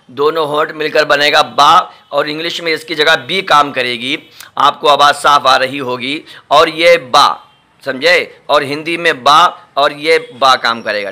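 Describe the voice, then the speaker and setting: Bright-voiced imam drawing out letter sounds. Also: male voice, on the high side. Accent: Delhi Hindustani. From India. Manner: repeats each letter slowly, often checks with "ठीक है" and "समझे". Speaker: imam teaching Quran letters. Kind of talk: patient step-by-step recorded lesson.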